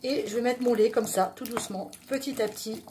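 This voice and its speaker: A woman's voice: on the high side, fairly quick, background noise. A woman from southwest France, hosting a chatty home cooking demonstration in her kitchen. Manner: chatty, joking, talks while stirring. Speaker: home cooking video host.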